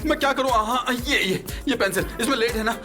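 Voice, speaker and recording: A man's voice: very high-pitched, fairly quick. An actor dubbing a panicky young man who frets over his job, talking in a frantic, rambling way, with music behind him. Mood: flustered. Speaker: anxious office worker. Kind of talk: Hindi dub of a TV drama.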